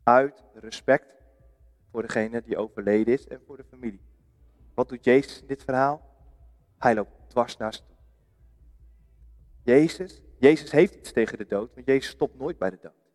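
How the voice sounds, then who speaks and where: A man's voice: mid-range voice, normal speed, long pauses, darkish tone, big-room sound. A Dutch man preaching a sermon in a church, earnest, asking his listeners questions and answering them himself. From Netherlands.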